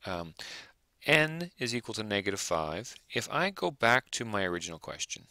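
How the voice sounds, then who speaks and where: A male math teacher working through examples aloud, thinking out loud and checking in with rhetorical questions. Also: lowish voice, sing-song, moderate pace, dry recording. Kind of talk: recorded lecture over worked examples.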